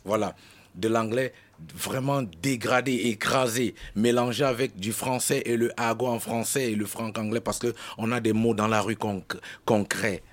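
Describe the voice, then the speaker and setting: A man, a guest rap artist in a radio studio interview, explaining with lively street-slang examples. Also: fairly low pitch, moderate pace. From Cameroon.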